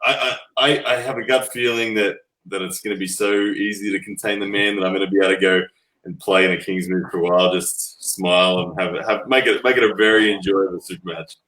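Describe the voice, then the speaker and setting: A man's voice: low-pitched, steady tone, fast talker, a bit bright, poor audio. A man, an arm wrestler, teasing in casual chat and restarting often.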